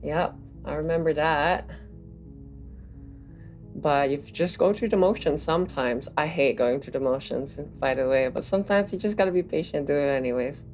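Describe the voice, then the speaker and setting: A woman's voice: low voice, normal speed, darkish tone, faint music behind. A woman game streamer giving casual playthrough commentary in a musing, playful, sardonic way.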